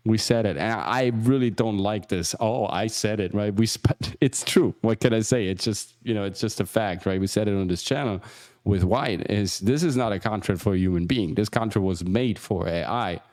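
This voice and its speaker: Man, lowish voice, acting coach, casual livestream talk, rambling, lots of restarts, animated emphasis. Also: moderate pace. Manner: rambling, full of restarts and asides. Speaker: acting coach and show host.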